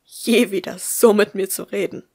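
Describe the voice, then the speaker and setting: A woman voicing a shy, guarded seventeen-year-old girl who speaks quietly, often in a whisper, in an audiobook reading. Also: mid-range voice, fairly even intonation, normal speed, dry recording, clean studio sound, lightly acted. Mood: cold.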